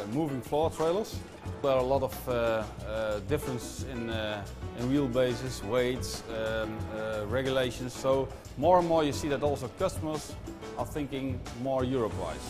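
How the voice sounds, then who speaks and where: A man speaks at a mid pitch, stalling often on fillers as he searches for words. Music plays clearly behind. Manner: halting, many fillers. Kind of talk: interview answers.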